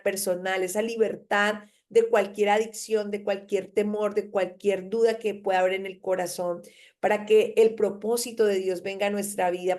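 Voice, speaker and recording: A woman's voice: medium pitch, darkish tone. A woman preaching a daily devotional, reading scripture and urging the listener with emphatic repetition. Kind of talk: devotional sermon with Bible reading.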